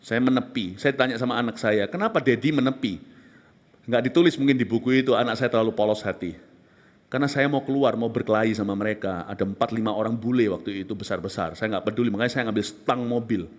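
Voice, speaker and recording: A man preaching a passionate sermon, moving between raised exclamations and hushed, whispered moments. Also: medium pitch, quick pace. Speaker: pastor.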